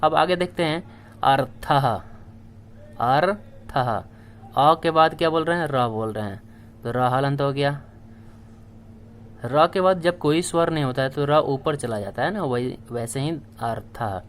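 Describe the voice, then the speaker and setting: A man's voice: mid-range voice, a little slow, long pauses, slight background noise. A man teaching a language lesson, patiently spelling out letters one by one and repeating each word. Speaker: Sanskrit teacher. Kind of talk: slow classroom explanation.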